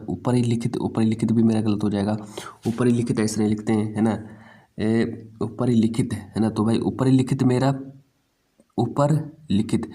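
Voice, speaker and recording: A man's voice: fairly low pitch, dark tone. A man teaching an exam-prep language lesson, drilling each word over and over and calling his students "bhai".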